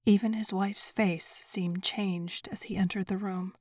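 A woman narrating a story in a soft, breathy whisper, hushed and even. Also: medium pitch, a little slow, no room sound.

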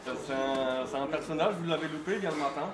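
A man's voice: fairly high pitch, fast talker, echoey room, a crowd in the background. A man who lives in the area chatting casually with visitors, joking and laughing easily. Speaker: local resident chatting at a window. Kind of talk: casual street chat.

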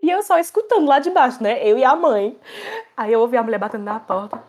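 A woman's voice: on the high side, fast talker, slight background noise. A woman telling a funny story in casual chat, acting out the other people's voices. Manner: animated storytelling, acts out quoted voices, laughs often.

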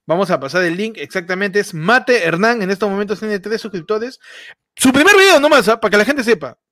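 A man hosting a podcast, joking excitedly and laughing as he plugs a friend's channel. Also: high voice, brisk, dry recording, studio quality. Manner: excitable, laughing, playfully mock-amazed. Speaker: podcast host. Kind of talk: joking podcast banter with live promotion.

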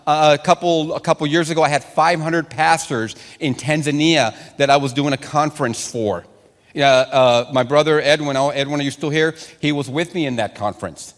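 A Mexican-born man, a native Spanish speaker, preaches a sermon to a congregation in a large hall, telling stories full of repeated words and restarts. His voice sits on the high side and moves at a normal speed.

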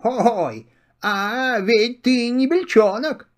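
An older man voicing a busy, bossy female squirrel with a sharp, scolding manner. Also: extremely high pitch, very slow, voice pushed up, full character voice. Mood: surprised.

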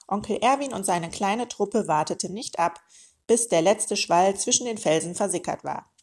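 A woman reading a children's storybook aloud in a lively way, speaking directly to young listeners. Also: mid-range voice, moderate pace, husky.

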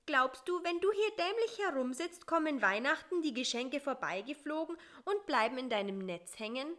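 A woman voicing a clever, pushy male fly who talks fast and high with restless eagerness. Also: animated, a bit bright. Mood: eager.

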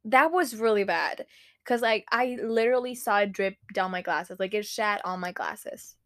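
A woman's voice: mid-range voice, moderate pace, no echo, clean studio sound. A young woman hosting a casual solo podcast, giggling and swearing freely as she reads a list aloud and reacts to it. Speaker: podcast host.

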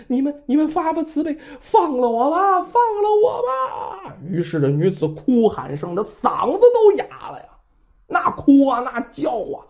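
A storyteller narrating a bandit tale in a dramatic traditional style, with chatty asides to the listener. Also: mid-range voice. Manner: lively, dramatic, conversational asides. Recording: dull lo-fi recording.

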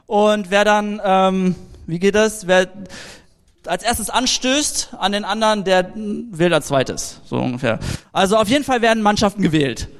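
A young man preaching a casual sermon in a lively, anecdotal way, speaking directly to his listeners. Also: high-pitched, measured pace, clear, resonant tone.

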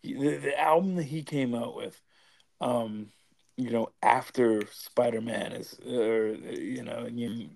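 A man's voice: mid-range voice, steady tone, slow pace, creaky, a little mellow. A young man co-hosting a podcast, talking casually with many restarts, fillers and swearing. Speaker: podcast co-host. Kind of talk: casual chat.

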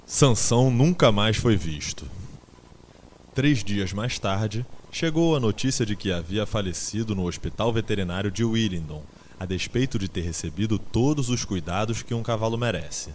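Deep-voiced man narrating an audiobook. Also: darkish tone, a little hiss or hum. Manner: measured, dramatic storytelling.

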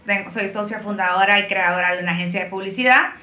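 A woman's voice: mid-range voice, fast talker. A woman in her thirties, telling her story as an interview guest, with many fillers. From Honduras. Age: 30s. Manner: warm storytelling, frequent fillers. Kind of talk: casual interview conversation. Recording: echoey room, mic at a distance.

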